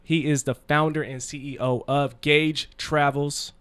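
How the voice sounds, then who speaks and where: A man's voice: fairly high pitch, fairly even intonation, measured pace, fairly bright tone, clear, resonant tone. A man hosting a casual podcast, introducing his guest with hype and plenty of filler words. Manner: hyped, friendly, filler-heavy slang. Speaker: podcast host.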